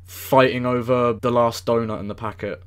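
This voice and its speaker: A man's voice: medium pitch, fairly even intonation, moderate pace, clean tone. A man hosting an online talent show over voice chat, upbeat and presenter-like.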